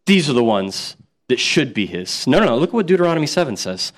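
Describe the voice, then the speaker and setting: A man's voice: medium pitch, very animated, quick pace. A man in his thirties preaching a sermon as a pastor, casual and conversational, often repeating words for emphasis and acting out quotes.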